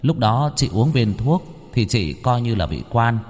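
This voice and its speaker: A man voicing a calm young male ghost helper who explains things plainly. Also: medium pitch, unhurried, long reverb tail.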